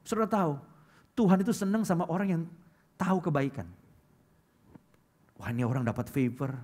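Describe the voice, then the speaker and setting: A male pastor preaching a lively sermon, calling out loudly and dropping to quiet asides. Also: high voice. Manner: lively preaching, swings between loud calls and quiet asides; acts out quoted churchgoers in put-on voices. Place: church hall.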